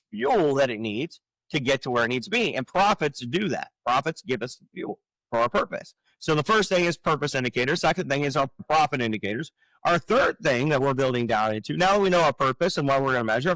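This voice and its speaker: A man in his forties, a real estate coach talking on a podcast, explaining his framework with energetic rhetorical questions. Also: mid-range voice, no room sound, rough recording. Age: 40s. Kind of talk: casual podcast talk.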